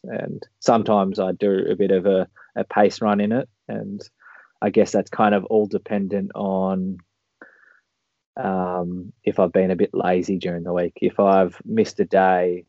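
A man's voice: low voice, level tone, slow, vocal fry, warm tone, dry recording. A man chatting casually as an interview guest, rambling along in a laid-back way. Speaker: podcast guest, marathon runner. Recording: dull lo-fi call audio.

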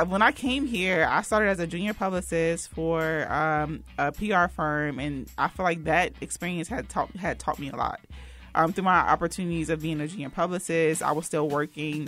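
A woman's voice: low voice, normal speed, a bit bright. A young adult woman, a PR consultant, speaking as a guest in a casual interview in a loose, conversational way. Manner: loose and conversational, many fillers and restarts.

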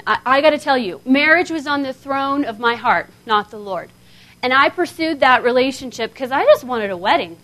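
The seminar speaker is a woman in her thirties whose high voice carries a relaxed, energetic sermon-style talk. Before the audience in the hall, she sounds conversational and repeatedly checks understanding with "okay?"

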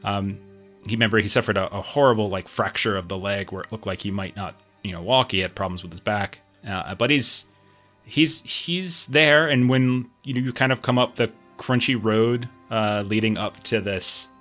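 Casting: male game master, fairly low voice, casual improvised narration over faint music. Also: moderate pace, fairly bright tone. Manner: conversational, improvising.

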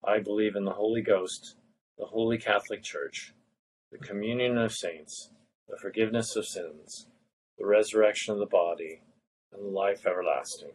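Solemn low-voiced man leading evening prayer. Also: slightly rough, low-quality recording. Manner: solemn, measured reading. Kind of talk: liturgical prayer recitation.

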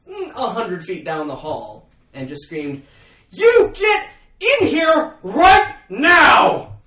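A young adult man hosting a podcast tells stories about his youth in a casual chat, mocking himself and laughing as he goes. His voice is on the high side and sounds reverberant, recorded from a distance.

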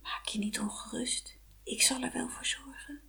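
Lady doing a tiny reassuring doll, soft breathy whisper, storybook. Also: sits high, fairly even intonation, moderate pace, voice pushed up, exaggerated voice. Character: small magic doll, gentle and reassuring.

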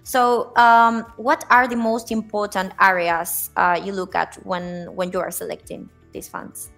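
A woman's voice: medium pitch, level tone, creaky, a bit bright, faint music behind. Formal woman hosting an interview podcast. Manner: formal, slightly halting delivery with repeated words. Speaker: podcast host.

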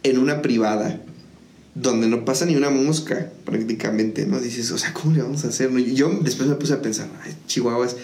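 A man's voice: mid-range voice, brisk, a little mellow. A man, a music school founder, telling his story in a casual interview with many fillers and restarts. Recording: echoey room with faint noise.

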